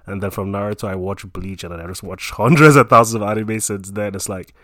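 A Nigerian man in his twenties talks casually about himself in a lowish voice, a little fast, with plenty of fillers. The mood is relaxed and rambling, and the studio recording is clean with no echo.

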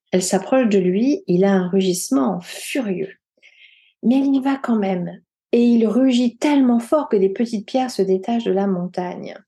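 A woman retelling a folk tale for her podcast in a gentle, unhurried way, with small hesitations. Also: medium pitch. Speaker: podcast storyteller.

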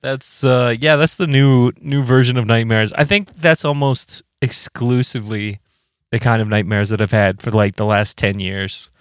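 A man chatting casually on a podcast, laughing often and telling stories with animated jumps up in pitch. His normal speaking voice is middle-pitched. The recording is close and dry. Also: moderate pace, clear, resonant tone, dry recording. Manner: laughing, animated storytelling with jumps to high pitch when quoting. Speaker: podcast co-host; band musician. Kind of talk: casual chat.

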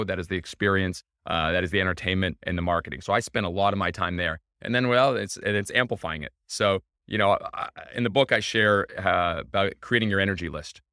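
A man with a deep, bright voice and a forceful tone is interviewed as the owner of a baseball team, telling his story with energy and emphasis. The recording is dry and studio quality.

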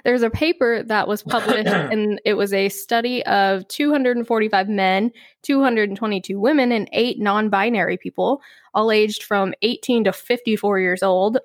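A woman's voice: medium pitch, no room sound. A woman co-hosting a podcast in casual chat, chatty and reading research notes aloud. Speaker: podcast co-host.

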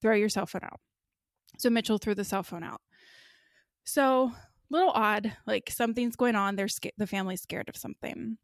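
A woman's voice: medium pitch, normal speed, vocal fry, no echo, studio quality. A woman co-hosting a podcast, telling a weird story in a casual, chatty way with careful enunciation. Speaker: podcast co-host.

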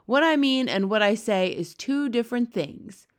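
A woman's voice: medium pitch, animated, moderate pace, natural voice. A woman voicing a very old, kindly male giant who talks with mangled grammar and made-up words. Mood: scornful.

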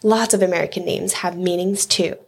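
A woman reading a storybook aloud, voicing a calm, caring male schoolteacher in a concerned tone. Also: on the low side, normal speed, vocal fry, husky.

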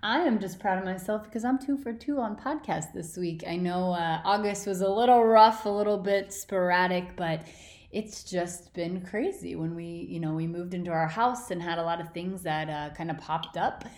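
A woman's voice: lowish voice, normal speed, darkish tone. A woman hosting a podcast in a casual motivational monologue, informal, emphatic and blunt, recorded in an echoey room. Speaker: podcast host. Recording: roomy, echoing indoor sound.

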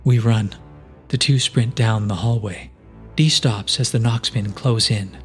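A man narrating a fantasy adventure story in steady, dramatic scripted narration. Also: lowish voice, measured pace, faint music behind. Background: faint musical score.

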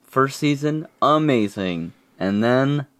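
A man's voice: medium pitch, animated, takes it slowly, a bit bright, no echo. A man co-hosting a podcast, talking in a laid-back, conversational way. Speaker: podcast co-host. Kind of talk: casual podcast chat.

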